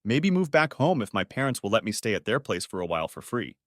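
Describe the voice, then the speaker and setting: Low-voiced male story narrator, dry. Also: sing-song, fast talker, fairly bright tone, no room sound. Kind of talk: scripted first-person story narration.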